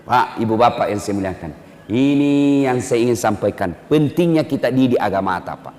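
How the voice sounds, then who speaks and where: A man preaching with a Makassar Indonesian accent, telling stories and acting out dialogue, his voice rising to high, emphatic peaks. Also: expressive, normal speed, darkish tone. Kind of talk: sermon. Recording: echoey hall with long reverb.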